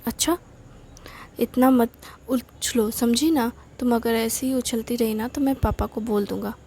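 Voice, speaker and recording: A woman's voice: a little high, steady tone, unhurried, mellow, breathy edge. A woman doing a teasing big brother. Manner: teasing, mock-stern. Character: teasing teenage older brother.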